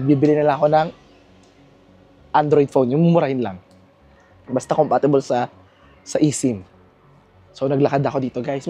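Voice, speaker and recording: Chatty man with a mellow voice. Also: a little high. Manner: chatty, animated storytelling with laughs and self-mocking asides. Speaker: travel vlogger. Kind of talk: casual vlog talk to camera. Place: indoors at his lodging.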